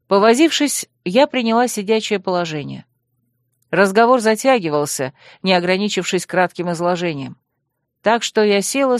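A woman reading a first-person fantasy audiobook in an even, wistful storytelling manner. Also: medium pitch, dry recording, studio quality. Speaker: audiobook narrator.

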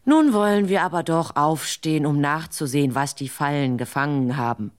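A woman voicing a foolish man who thinks himself clever, talking slowly and self-importantly. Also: low voice, close to an everyday voice. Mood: pompous.

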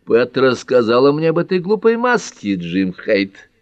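A man's voice: medium pitch, wildly swooping pitch, unhurried, no room sound, voice pushed up. A man voicing a fussing middle-aged mother in an audiobook, asking anxious questions in a raised voice. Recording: dull dry lo-fi audiobook.

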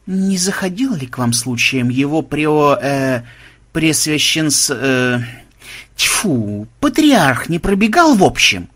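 A man's voice: a little high, sing-song, slow pace, a bit bright, exaggerated voice. A man voicing a stern, shrewd male investigator with a sly, probing manner.

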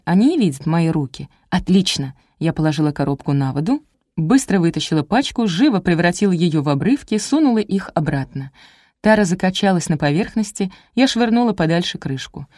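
A woman reading a first-person detective audiobook in a brisk, wry storytelling manner. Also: on the low side, mellow, no room sound, studio quality. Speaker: audiobook narrator. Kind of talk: scripted first-person narration.

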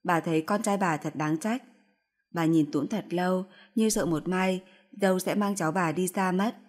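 A woman narrating a story in first person with a steady, expressive reading. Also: fairly low pitch, normal speed.

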